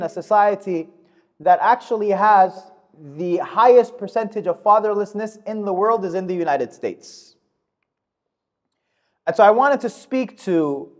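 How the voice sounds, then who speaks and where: A man in his thirties delivering a Friday sermon in a mosque, speaking at a podium microphone in a measured, emphatic way. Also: high-pitched, darkish tone. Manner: measured, emphatic delivery with fast recited Arabic verses. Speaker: khutbah speaker. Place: mosque prayer hall, indoors. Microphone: gooseneck podium mic.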